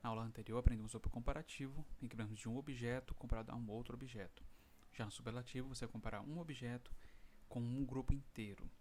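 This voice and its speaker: A man with a Brazilian Portuguese accent, teaching an English lesson online and reading the English examples out slowly. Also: medium pitch, steady tone, a little mellow, slight background noise.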